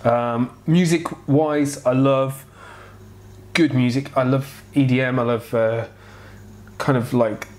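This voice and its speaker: A man's voice: mid-range voice, fairly even intonation, slow pace, a little mellow. A man in his thirties with a wheezy voice, out of breath and unwell, chatting informally and frankly as he answers questions at home on a lapel mic. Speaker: vlogger answering viewer questions. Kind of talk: casual chat, answering questions. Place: home kitchen, indoors. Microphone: clip-on lapel mic.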